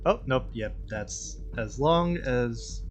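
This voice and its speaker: Unhurried man running a tabletop game. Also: mid-range voice, expressive, faint music behind. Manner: unhurried, terse rulings between short narration. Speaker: game master.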